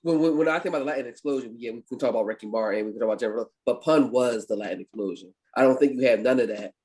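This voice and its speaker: Fast-talking man in podcast chat. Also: medium pitch, a little mellow. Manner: fast, stumbling restarts, leans on "you know what I mean". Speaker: podcast co-host. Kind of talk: casual podcast chat about hip hop.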